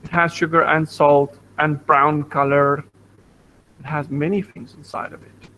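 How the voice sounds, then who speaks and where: A man's voice: a little high, level tone, unhurried, bright, forceful tone, slight background noise, rough recording. A man teaching a science lesson to a primary school class over an online video call, patient, repeating points and asking the class questions. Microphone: computer mic on video call.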